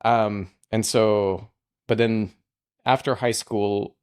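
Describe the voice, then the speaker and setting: Speaking slowly and smoothly in a lowish, fairly even voice, this game programmer from Russia, a man in his forties, is a guest on a podcast. His casual interview chat wanders, filled with a constant stream of "like."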